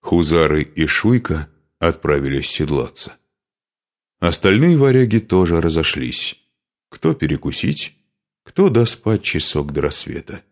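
A man narrating an audiobook in an expressive reading style. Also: rumbling low, unhurried.

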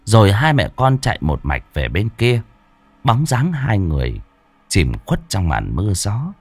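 A man narrating an audiobook in an expressive storytelling manner. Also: on the low side, measured pace, no echo.

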